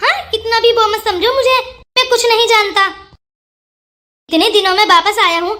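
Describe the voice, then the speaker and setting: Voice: extremely high pitch, fairly even intonation, normal speed, pushed and bright. A performer voicing a playful, affectionate young husband in a cartoon story. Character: teasing young Indian wife, Babita's cheerful husband. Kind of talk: cartoon voice acting.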